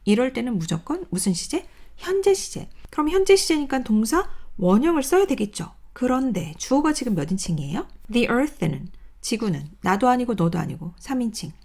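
A woman's voice: mid-range voice, darkish tone. A woman teaching an English grammar lesson in Korean, asking her class questions and then answering them herself as she drills through word lists.

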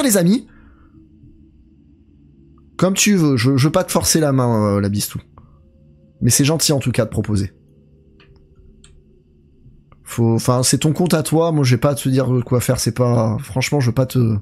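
A man's voice: mid-range voice, darkish tone. A man giving live commentary while he plays a horror game, chatty and talking straight to his viewers, reacting aloud to the scares. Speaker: horror game let's player.

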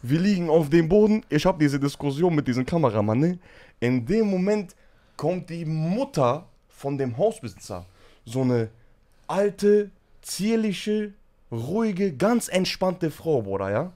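Animated man telling a wild story. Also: fairly high pitch, a little slow. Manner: animated, peppers talk with slang fillers. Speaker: guest telling a story on a stream. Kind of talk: casual storytelling chat.

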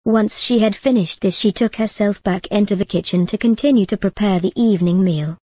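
A woman reading a story aloud in a measured, even manner. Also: medium pitch, dry recording. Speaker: narrator. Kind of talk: storybook narration.

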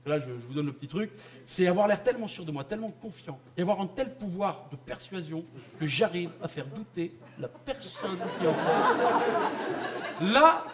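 On a theatre stage, a young Frenchman in his young-adult years delivers mocking, conversational stand-up at a moderate pace, his high voice swinging widely in pitch. A faint crowd is present, and the live recording carries loud laughter from the audience.

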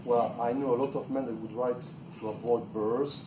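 Giving a plenary talk in a meeting room, a middle-aged Frenchman with a French accent is chatty and self-deprecating, letting out small laughs. He speaks at a moderate pace with a medium pitch and fairly even intonation, recorded from a distant camera in an echoey room with background noise.

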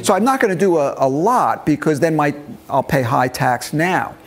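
His voice is a little high and sing-song, delivered at normal speed. The speaker, a financial planning instructor in his early sixties, gives an informal retirement-money lesson to a seated group in a meeting room, working step by step and checking comprehension. A lapel mic records him.

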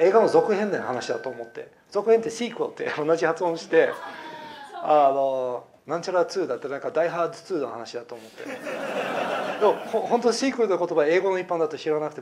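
Man, fast speech, sheepish and self-deprecating, noisy room. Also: a little high, animated.

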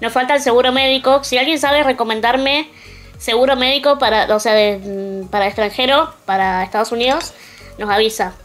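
A woman's voice: sits high, a little fast, a bit bright, soft background music. A young woman with an Argentine accent chatting casually to the camera in a vlog at home. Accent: Argentine (Rioplatense). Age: young adult. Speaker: vlogger. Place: small room at home.

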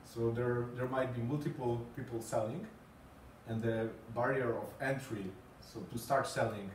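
Presenting in English with a Polish accent, a man in his thirties from Poland keeps stalling on fillers and repeating words, his mid-range voice steady in tone and normal in speed. He's a conference speaker in a small meeting room with green walls and a screen. A far camera with no visible mic picks him up, leaving an echoey, distant sound with slight background noise.

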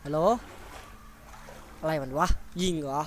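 A man doing let's play commentary on a horror game, jumpy and excitable, swearing often. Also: a little high, measured pace, a little hiss or hum. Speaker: gamer.

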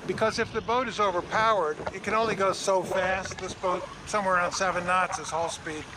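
Older guy, kinda high voice, teaching sailing out on the water, patient, lots of uhs, wind noise on the mic. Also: steady tone, a little fast. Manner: patient, explanatory, with hesitant fillers. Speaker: sailing instructor. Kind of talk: casual on-the-water instruction. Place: outdoors on a sailboat under way in wind. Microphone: action camera mounted on the boat. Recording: windy outdoor boat recording.

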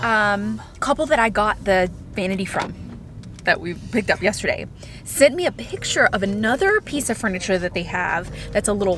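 A young woman vlogging to a handheld camera, chatty and excitable, talking in a car and outdoors. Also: a little high. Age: young adult. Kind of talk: casual vlog chat. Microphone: handheld camera at arm's length.

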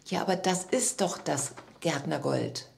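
Woman doing slow, kindly old grandpa creature. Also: gravelly, a little hiss or hum, full character voice. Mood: patient. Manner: low, slow, gently lecturing.

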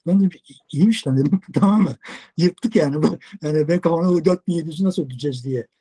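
Husky-voiced man spinning a road story. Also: fairly high pitch, quick pace. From Turkey. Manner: animated, acts out dialogue, swears casually. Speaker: interviewee, long-haul truck driver. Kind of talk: casual storytelling.

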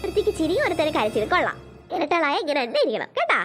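A woman voicing a calm mother of young twins in a home-made cartoon, speaking in gentle, coaxing baby talk. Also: high voice, rapid-fire, loud music behind the voice, pitched below the performer's own voice. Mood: soothing. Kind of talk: cartoon voice acting.

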